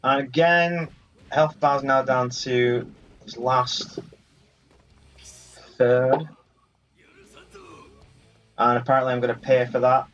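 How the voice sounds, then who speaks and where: A man hosts casual commentary over his own video game playthrough, playfully boastful, his mid-range, slightly bright voice level and slow with long pauses. The mic sounds muffled and distant beneath the game music.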